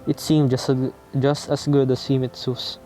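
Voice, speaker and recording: Profane, excitable man reading a game aloud. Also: mid-range voice, moderate pace, faint music behind. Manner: profane, excitable, self-mocking. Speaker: gamer playing a visual novel. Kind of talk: reading game text aloud with casual commentary.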